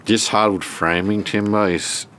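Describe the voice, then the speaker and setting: A man with an Australian accent speaks in a very low register, sounding bunged up in the nose. He talks casually and off the cuff, as if showing someone around. His delivery is laid-back, working things out aloud as he goes. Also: steady tone, measured pace, a bit bright, a little hiss or hum. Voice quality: stuffed-up, nasal from a blocked nose. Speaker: vlogger showing a self-built shed. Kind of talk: casual unscripted walk-through to camera.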